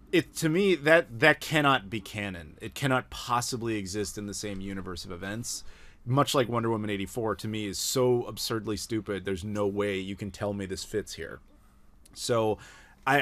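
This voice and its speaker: Opinionated low-voiced podcast host. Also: male voice, fairly bright tone. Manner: opinionated, frequent stammered restarts. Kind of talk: casual podcast chat.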